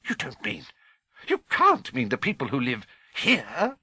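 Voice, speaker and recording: A man's voice: sits high, huge pitch swings, measured pace, fairly bright tone, breathy edge, no room sound, voice pushed up, exaggerated voice. A man voicing a stern, anxious older witch, a prim professor who speaks in an emphatic, faltering way for a storybook. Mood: shocked, indignant.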